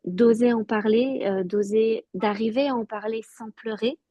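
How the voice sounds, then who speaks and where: A woman giving a halting, earnest personal testimony over a video call. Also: fairly high pitch, fairly even intonation, warm tone, no echo, muffled recording. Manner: halting, many fillers and restarts, earnest. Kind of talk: personal testimony in an online talk.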